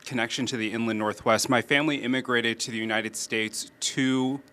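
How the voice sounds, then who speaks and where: Male news host, bright edgy voice, playful and eager in studio chat. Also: mid-range voice, steady tone. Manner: playful, enthusiastic, quick asides. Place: TV streaming studio.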